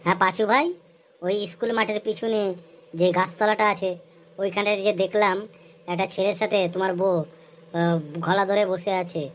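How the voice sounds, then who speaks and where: A woman's voice: mid-range voice, fairly even intonation, normal speed, long pauses, close to an everyday voice. A woman playing a gossiping male friend. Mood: gossipy.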